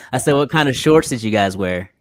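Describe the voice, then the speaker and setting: A man's voice: mid-range voice, lively intonation, unhurried. A man hosting a podcast, asking easygoing questions and cracking jokes. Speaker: podcast host. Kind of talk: casual interview.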